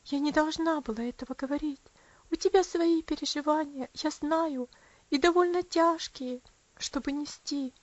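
A woman's voice: sits high, moderate pace, no room sound, lo-fi sound, voice pushed up, lightly acted. A woman playing a passionate young aunt. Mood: gentle. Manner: impassioned outbursts. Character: young aunt, passionate and grieving, then tender.

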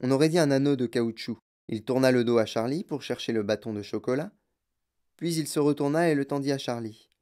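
Man, audiobook narrator, expressive storytelling, medium pitch. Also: fairly quick. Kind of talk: scripted narration.

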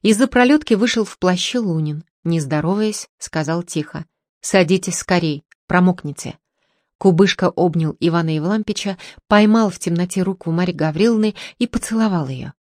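A woman narrating an audiobook in a calm, steady literary reading. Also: fairly low pitch, a little fast, hardly any pauses, dry recording, studio quality.

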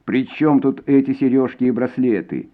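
A man reading a story, voicing a smooth baritone who speaks softly and coaxingly. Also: expressive, normal speed, natural voice. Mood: soothing. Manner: soft, coaxing. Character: soft-spoken, smooth male baritone singer. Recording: tinny phone-like sound.

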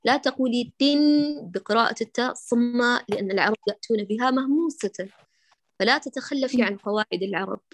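Woman teacher correcting recitation slowly. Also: on the high side, dry recording. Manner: corrective, demonstrates sounds slowly. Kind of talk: online tajweed correction class. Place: online voice class.

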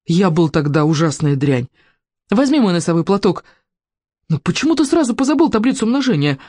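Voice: mid-range voice, very animated, a little fast, darkish tone, dry recording. Reader doing an earnest little schoolboy, sincere and firm, dry sound. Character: young schoolboy, earnest and upright.

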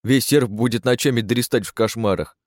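A man's voice: medium pitch, fairly quick, a little mellow, no echo, studio quality. A man giving sardonic, crude first-person audiobook narration.

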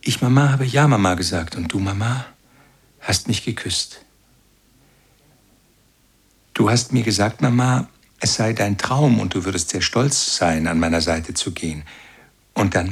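In a literary radio play, a first-person narrator speaks as a grown son remembering a harsh, pious childhood. His low, gravelly voice has a husky, rough edge, and he recalls it all slowly and broodingly.

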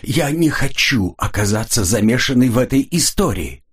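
A male audiobook narrator voicing a frightened, nervous young woman who gets shrill and panicky. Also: big pitch swings, moderate pace, husky. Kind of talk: audiobook character reading.

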